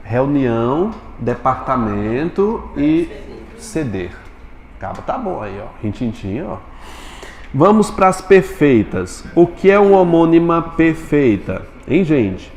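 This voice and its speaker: A man with a Brazilian Portuguese accent teaching a classroom lecture and quizzing his students with quick questions. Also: fairly high pitch, very animated, darkish tone. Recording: echoey classroom with long reverb, faint noise.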